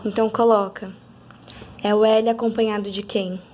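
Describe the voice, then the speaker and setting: A woman, a literacy teacher, patiently sounding out letters slowly and clearly in an instructional video for parents. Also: mid-range voice, level tone, a little mellow.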